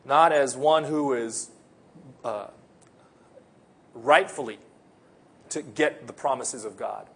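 A Philippine-born, American-raised man with an American accent preaches an earnest sermon, slowing at the key phrases he wants to stress. His mid-range voice has a fairly bright tone and is slightly rough.

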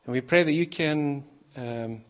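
The sermon comes from a guest preacher, a man from Iceland who used to be a missionary, speaking to the congregation with medium pitch. He is nervous and halting, pausing frequently and using many fillers.

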